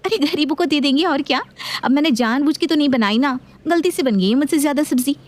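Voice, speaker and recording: A woman's voice: sits high, fast talker, voice pushed up, close to an everyday voice. Woman voicing a defiant young daughter-in-law. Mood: indignant. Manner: indignant, argumentative.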